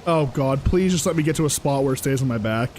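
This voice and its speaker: A young man live-streaming a video game, chatting casually with his viewers in an animated, exasperated ramble full of fillers. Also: medium pitch, fast talker, a little hiss or hum, low-quality recording. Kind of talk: casual live-stream chat while playing.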